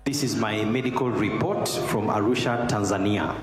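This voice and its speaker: A man interprets a testimony into short, plain sentences. His voice is swallowed by a very echoey hall with a long reverb, and clear background noise sits under it. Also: lowish voice, fairly even intonation, normal speed. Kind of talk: church interpreting. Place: large echoing church hall.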